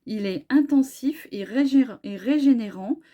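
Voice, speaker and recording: A middle-aged woman with a hoarse voice from a cold, chatting casually about her hair products with many fillers and restarts. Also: on the high side, unhurried, dark tone, muffled recording. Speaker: beauty vlogger.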